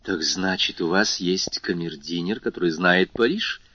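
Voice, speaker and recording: Husky narrator as a dry, sociable young journalist, plain delivery, lo-fi. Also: male voice, sits low, a little slow, bright, forceful tone, dry recording, exaggerated voice. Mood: wry. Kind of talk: audiobook character voice. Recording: slightly muffled lo-fi recording.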